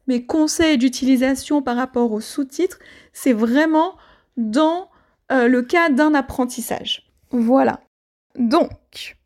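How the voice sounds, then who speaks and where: A woman's voice: high-pitched, darkish tone. A woman teaching French to learners, explaining patiently step by step and repeating her key points. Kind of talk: language lesson. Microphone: audio only, speaker not seen.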